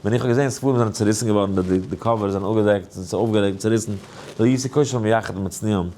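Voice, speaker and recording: A man, a rabbi, giving an animated Torah lesson in a sing-song way, now and then stretching phrases into a chant. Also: racing, a little hiss or hum. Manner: lively, swings high and low. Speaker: rabbi teaching a daily Torah class.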